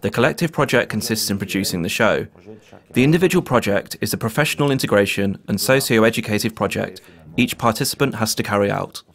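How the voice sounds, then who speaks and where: A man reading documentary voice-over translations in a plain, steady way. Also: on the low side, brisk.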